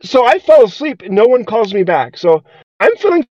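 With an extremely high, sing-song voice at a moderate pace, a man co-hosting a podcast rambles through a story in a casual way, hesitating and restarting throughout. The lo-fi recording is dull and dry, with no room sound.

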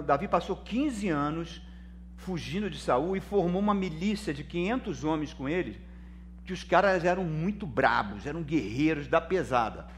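A pastor with a Brazilian Portuguese accent preaches a sermon, swinging between loud emphasis and softness and calling listeners brother. His voice is on the high side, with a little hiss or hum in the recording.

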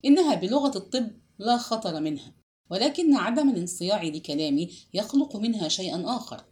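A woman's voice: mid-range voice, sing-song, brisk, warm tone, natural voice. A woman voicing a stern older male doctor in an audiobook, speaking firmly and with command. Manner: firm, commanding.

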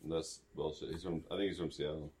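A man's voice: a bass voice, flat delivery, a little fast, darkish tone. A man dropping dry, blunt interjections in a casual film commentary.

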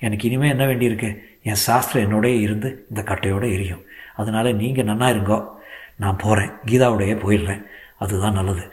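A man's voice: on the low side, fairly even intonation, fairly quick, a little mellow, close to an everyday voice. A man voicing a grieving, defiant old grandmother who pleads and scolds through tears.

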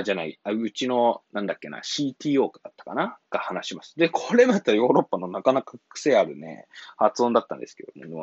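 A man with a lowish voice gives casual English-learning advice on a solo podcast, his pitch swinging widely as he talks. He rambles, chuckles and apologizes when he loses his place. The recording is dry and a little dull. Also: breathy edge, no echo. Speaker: English coaching podcast host.

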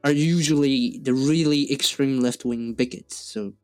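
A young man chatting as a podcast co-host, stopping and restarting often with plenty of fillers while arguing his opinions. His pitch sits in an ordinary middle range. Faint music plays under the talk. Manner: filler-heavy, halting, opinionated. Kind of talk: casual chat.

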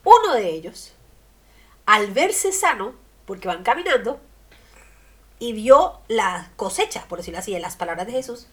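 A woman preaching a radio sermon, emphatic, asking rhetorical questions and swinging between loud and soft. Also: mid-range voice, sing-song, normal speed.

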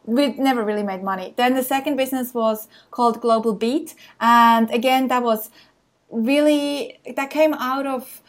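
A woman's voice: a little high, moderate pace. A woman from Switzerland, chatting as an interview guest, telling stories and laughing often. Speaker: guest entrepreneur. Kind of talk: casual interview chat.

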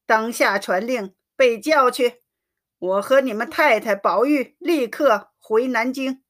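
A woman voicing a stern, angry elderly grandmother who scolds in a trembling, sharp voice. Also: a little high, slow. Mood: scornful.

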